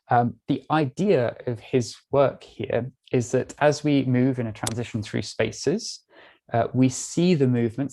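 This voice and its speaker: British man, tour guide, mellow dark voice, relaxed, many fillers. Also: medium pitch. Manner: relaxed, frequent filler pauses. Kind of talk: live webinar art tour talk.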